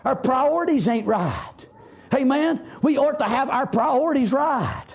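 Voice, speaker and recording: This revivalist preacher, a Southern American man, has an extremely high, expressive voice and moves at a slightly slow pace. He urges his listeners loudly, peppering the sermon with praise interjections.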